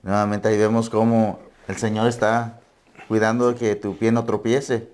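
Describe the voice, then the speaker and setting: Low-voiced man reading scripture. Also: little pitch movement, darkish tone. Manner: measured, affirming with "amén".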